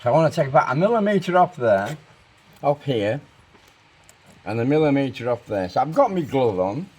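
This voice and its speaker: A man's voice: mid-range voice, big pitch swings, normal speed, a little mellow. A man giving an informal hands-on workshop tutorial, explaining each step and thinking aloud as he works. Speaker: car restoration demonstrator.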